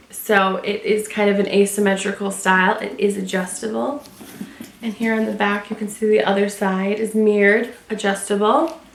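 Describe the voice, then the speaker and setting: A woman from Michigan unboxes and reviews a leather tote at home, chatting casually with viewers as she handles the bag. Her voice is mid-range with a fairly bright tone. The room is echoey and carries faint noise.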